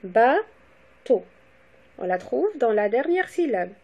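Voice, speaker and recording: A woman teacher giving a slow, deliberate phonics lesson to young children, spelling out letters and syllables. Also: fairly high pitch, animated, muffled recording. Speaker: primary school teacher.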